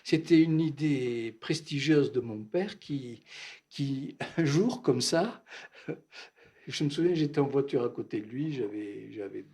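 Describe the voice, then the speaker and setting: An older man from Algeria, a psychoanalyst, telling his memories at a bookshop talk in a halting, reflective way, often repeating words. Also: mid-range voice, mellow. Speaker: psychoanalyst, guest speaker. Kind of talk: reminiscing talk at a bookshop event.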